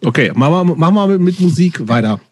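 Mellow male host, dry sound. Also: on the high side, fast talker, slightly rough, no room sound. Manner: relaxed, steering questions. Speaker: podcast host. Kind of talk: casual interview.

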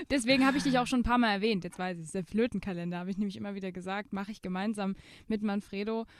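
A young woman hosts her podcast, chatting easily with her guest. Her voice has a middle pitch, and the close, dry recording has no room sound. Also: fast, no room sound. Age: young adult. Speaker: podcast host. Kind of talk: casual interview.

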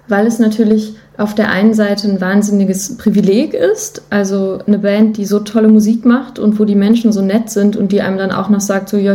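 A German woman, a musician and singer, appears as a podcast guest and chats casually and informally in an interview. Her medium-pitched voice is mellow, and she sounds enthusiastic.

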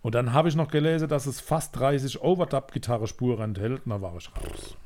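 A man's voice: mid-range voice, brisk, darkish tone, slight background noise. Blunt, opinionated German podcast man. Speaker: podcast co-host reviewing an album. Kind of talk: casual chat.

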